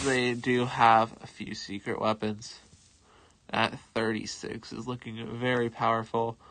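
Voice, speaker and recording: Unhurried playful male game commentator. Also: mid-range voice, a bit bright, low-quality recording. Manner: playful, mock-dramatic. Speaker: gaming streamer. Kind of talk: gameplay commentary.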